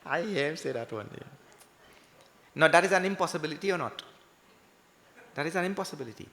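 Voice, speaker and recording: A man delivers a spiritual discourse in a fairly high, bright, forceful voice. He teaches emphatically, repeating key points and asking questions that he answers himself. The sound carries long hall reverb. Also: lively intonation, a little fast. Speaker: swami giving a scripture discourse. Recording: echoey hall with long reverb, faint music.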